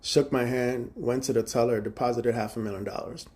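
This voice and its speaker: A man's voice: medium pitch, fairly even intonation, fairly quick, darkish tone. A man telling a story from his banking job on a casual live stream, swearing freely and acting out both sides of each conversation. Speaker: livestreamer telling a work story.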